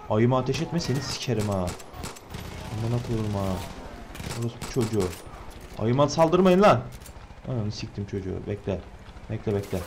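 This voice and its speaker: Young man, gameplay commentary, swearing, shifts from grumbling to shrill shouts, faint noise behind. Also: brisk. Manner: swearing, swinging from muttering to high-pitched yelling. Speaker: gameplay streamer.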